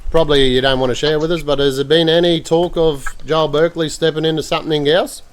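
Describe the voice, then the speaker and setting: A man's voice: on the high side, steady tone, fast talker. A man with an Australian accent hosting a podcast in casual, blokey, slangy chat. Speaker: podcast host.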